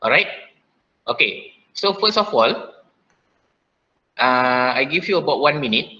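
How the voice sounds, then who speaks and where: A man's voice: mid-range voice, lively intonation, measured pace, sharp tone, dull audio. Malaysian man teaching an online class. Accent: Malaysian English. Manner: frequent "okay" fillers, repeats instructions.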